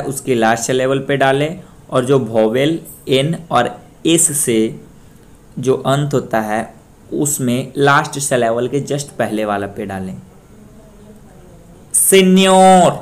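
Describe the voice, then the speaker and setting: Slow-spoken young man teaching pronunciation. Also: medium pitch. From Bihar, India. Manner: repeats example words loudly several times, stressing syllables; plain explanatory tone, mixes English terms into speech. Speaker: Spanish teacher. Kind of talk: slow screen-share language lesson.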